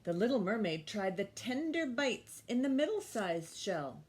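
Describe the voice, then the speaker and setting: Medium in pitch, sing-song, and a little mellow, this woman speaks at a measured pace. At a children's storytime she engages the kids with easy questions and short phrases, then expressively reads from a picture book.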